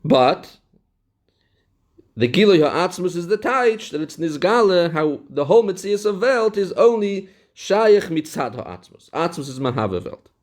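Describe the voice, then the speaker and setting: A man's voice: sits high, big pitch swings, a little slow. Yeshivish-accented man teaching a text. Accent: Yeshivish English. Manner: mixes English with Hebrew and Yiddish terms; repeats key phrases for emphasis. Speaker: Torah teacher.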